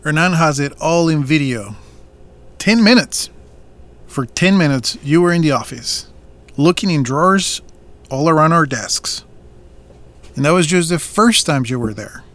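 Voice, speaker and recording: Playing the resolute co-runner of a family farm, an actor delivers a calm but serious confrontation in an audio drama. The voice is slightly high, animated, and a bit bright.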